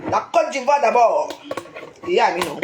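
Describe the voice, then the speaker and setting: A woman's voice: a little high, sing-song, normal speed. A woman with a Cameroonian French accent ranting on a live stream, lecturing her viewers with rhetorical questions and a tagged "hein?". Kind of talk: scolding live-stream rant. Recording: roomy echo, faint noise.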